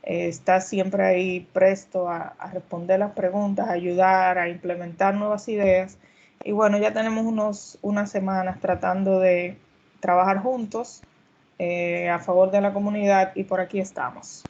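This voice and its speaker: A woman's voice: medium pitch, little pitch movement, moderate pace, a little mellow. Lady hosting a community call, polite and welcoming, mid voice, muffled lo-fi sound. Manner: courteous, repeats "verdad" as a tag. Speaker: community group organizer and host. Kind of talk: online meetup introduction. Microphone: computer mic on a video call. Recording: dull lo-fi video call audio.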